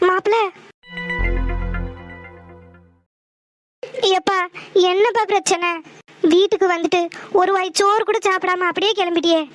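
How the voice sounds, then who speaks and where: A woman voicing the village mothers and bride in an animated family drama, scolding and pleading in a dialect. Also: extremely high pitch, a little fast. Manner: scolding, rural Tamil dialect. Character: several village women: mother, mother-in-law, bride.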